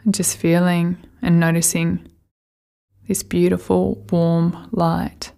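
Soft, soothing instructions come from a woman leading a meditation, with leisurely pauses separating each phrase. She speaks fairly low, with a distinct creak and a level, unchanging intonation.

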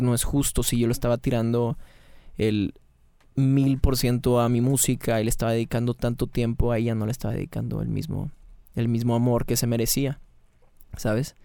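A man with a Mexican Spanish accent, a singer talking casually as a podcast guest, slangy and quick with many restarts. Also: mid-range voice, flat delivery, gravelly, warm tone, clean tone, dry recording. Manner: slangy, fast and repetitive, restarts mid-phrase. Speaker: singer and band founder, guest. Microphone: studio mic in a small treated room.

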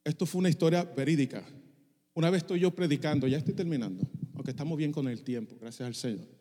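A man's voice: fairly high pitch, fast talker, mellow, long reverb tail. A middle-aged male pastor preaching a passionate sermon, dropping English phrases into his Spanish. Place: church sanctuary.

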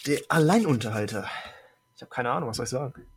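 A man's voice: mid-range voice, animated, fast, husky. A man in a casual podcast chat, laid-back and offhand, often laughing with his friends. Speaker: podcast co-host.

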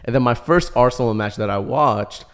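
A man's voice: medium pitch, moderate pace, smooth. A man in his thirties, from Iraq, a podcast guest telling his story in a chatty way and laughing often. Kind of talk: casual chat.

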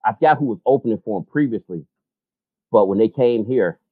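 Animated man over a tinny line. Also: lowish voice, brisk, no echo. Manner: animated, profane, laughing storyteller. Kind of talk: casual storytelling chat. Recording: dry tinny phone-like line.

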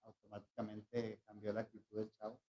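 A man's voice: lowish voice, monotone, a little fast, dark tone. Mexican guy telling tattoo shop stories, slips into other peoples voices, echoey room. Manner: storytelling, acting out quoted voices, frequent restarts. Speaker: tattoo artist, guest. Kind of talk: casual anecdote telling. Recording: roomy echo.

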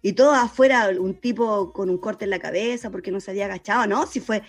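A Chilean woman telling a story in casual chat, animated and slangy, laughing often. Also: mid-range voice, fast.

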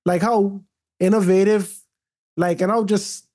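A man's voice: high-pitched, steady tone, measured pace, mellow. A man with a Caribbean accent co-hosting a casual chat, colloquial and slangy, often checking that he is followed. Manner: colloquial, slangy, uses rhetorical check-ins. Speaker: podcast co-host.

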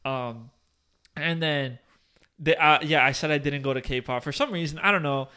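A young man hosting a podcast, telling a long story in animated bursts, swearing and restarting his sentences, full of fillers. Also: fairly high pitch, moderate pace, clean tone. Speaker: podcast host. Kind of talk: casual chat.

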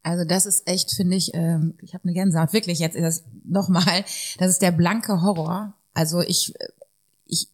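A woman's voice: on the low side, fairly even intonation, moderate pace. A woman hosting a podcast, listening closely to her guest and responding with reflective comments and short follow-up questions. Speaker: podcast host, counselor. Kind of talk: empathetic interview conversation.

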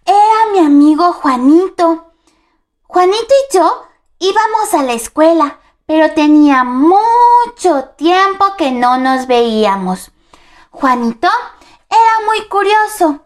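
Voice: very high voice, animated, slow pace, full character voice. A performer voicing a cheerful young princess who tells a children's story in a sing-song, giggly way. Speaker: co-host storyteller. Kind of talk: storybook narration for kids.

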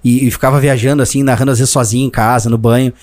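A man with a southern Brazilian accent from Rio Grande do Sul, a sports narrator telling stories in an animated, slangy, emotional way during a casual podcast chat. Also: mid-range voice, racing. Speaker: sports radio narrator, guest.

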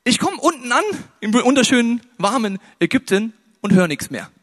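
A man's voice: very high-pitched, expressive, moderate pace, fairly bright tone. A man, a pastor, preaching a sermon and telling a funny personal story, acting out the dialogue with raised voices.

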